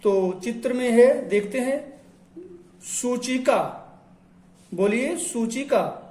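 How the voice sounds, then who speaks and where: A man's voice: very high voice, takes it slowly, darkish tone. A man teaching a textbook lesson, patiently saying words and having pupils repeat them. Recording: echoey room.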